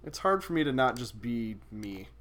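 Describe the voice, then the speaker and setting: A man's voice: medium pitch, sing-song, normal speed, fairly bright tone. A young man casually chatting with viewers while streaming a video game, swearing and exclaiming as he plays.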